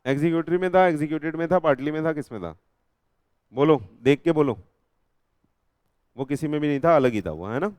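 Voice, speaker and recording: A young man with an Indian accent runs a lively revision lecture, firing questions at his students and teasing them between points. His voice is smooth and clear, set a little high. The sound is close and dry, with no room echo. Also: fairly quick, pauses often. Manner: quizzes students constantly, teasing and joking; mixes Hindi with English terms. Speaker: commerce law teacher. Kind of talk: live classroom revision lecture.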